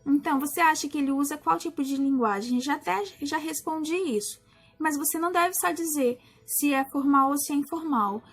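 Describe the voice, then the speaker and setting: A Brazilian woman teacher explaining a lesson to primary school pupils in a patient way, often pausing and restarting. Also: high voice, faint music behind. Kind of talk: recorded class explanation.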